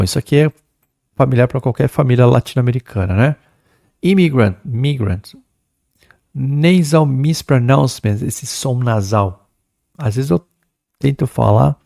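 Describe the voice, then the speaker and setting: A middle-aged Brazilian man teaching an exam-prep English lesson, chatty and lively, reading English passages aloud slowly. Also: medium pitch, gravelly, dry recording, clean studio sound.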